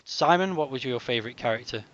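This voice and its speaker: A man hosts a relaxed film club podcast and steers the chat with easy questions. His voice sits in a middle register. The recording sounds dull and lo-fi. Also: mid-range voice, quick pace. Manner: chatty, leads the talk with questions. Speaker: podcast host. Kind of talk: casual film discussion.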